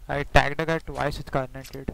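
A man's voice: mid-range voice, little pitch movement, brisk, creaky, crowd noise. A young man with an Indian accent chatting casually as a squad player in an online shooter game over voice chat. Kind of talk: casual gaming chat, Hindi-English slang. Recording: noisy game voice chat with clicks.

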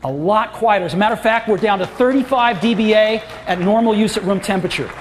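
A man's voice: high voice, fast talker, slight background noise. A middle-aged man giving a product launch keynote on a large auditorium stage, with emphatic, enthusiastic salesmanship. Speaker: keynote presenter. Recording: long hall reverb, faint crowd.

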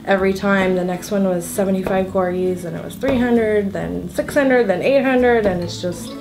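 Seated indoors at a table, a co-founder of an event, a woman in her forties, chats casually in an interview, sounding upbeat and relaxed and saying um often. She speaks at medium pitch and a moderate pace, but the audio is poor, with soft music underneath.

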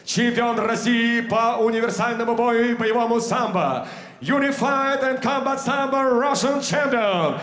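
Male, arena announcer, high pitch, booming drawn-out name calls, fight introductions, echoey PA sound. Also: a bit bright, soft background music. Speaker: ring announcer. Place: large sports arena.

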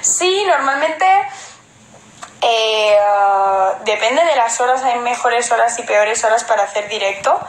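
This Spanish-accented model from Spain, in her twenties, reads out fan comments during a casual phone livestream at home, with the phone held at arm's length. She switches between Spanish and halting English as she answers viewers. Her voice is slightly high, and the room sounds echoey.

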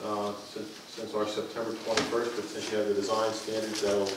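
A man, the borough engineer, giving a matter-of-fact project report to council, halting now and then with fillers. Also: fairly low pitch, monotone. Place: council chamber. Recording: echoey room from far off with noise.

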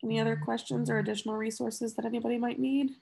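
A woman, talking quickly as she wraps up a webinar over a video call. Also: fairly high pitch, flat delivery, gravelly, warm tone, husky. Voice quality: nasal. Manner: quick, friendly, uses y'all. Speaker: webinar presenter. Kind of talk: fast-paced webinar wrap-up.

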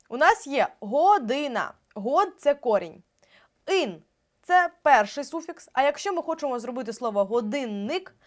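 A young Ukrainian language teacher leads an exam-prep grammar lesson, explaining step by step and slowly drawing out example words. Her voice sits high.

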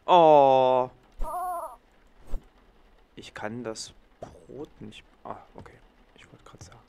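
A man's voice: medium pitch, slow pace, dark tone, clean tone, no room sound, muffled recording. A man giving casual let's play commentary, talking to a game baby in a teasing, playful way and sometimes dropping into a whisper.

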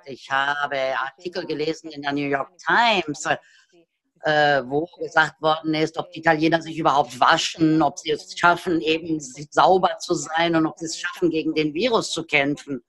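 A woman working as a simultaneous interpreter, relaying a panelist's words in halting bursts with many fillers and restarts. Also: low voice, fairly bright tone. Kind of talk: live interpretation into German.

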